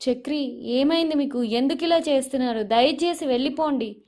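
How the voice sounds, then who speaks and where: A woman voicing a frightened young wife from a TV serial, crying and shouting for help. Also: sits high, normal speed, pitched above the performer's own voice. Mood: desperate. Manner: loud, tearful, pleading.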